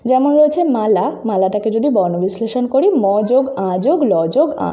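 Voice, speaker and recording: Speaking straight to her students, a woman teacher patiently walks through phonetic symbols step by step in a screen-recorded lesson. She has a warm, expressive, fairly high voice and keeps a brisk pace.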